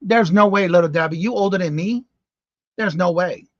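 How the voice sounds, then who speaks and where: A man's voice: high voice, moderate pace, no echo, muffled recording. A man in his fifties hosting a casual live-stream morning show, chatting with viewers by name and exclaiming in disbelief. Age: 50s. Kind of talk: casual live-stream chat reading comments.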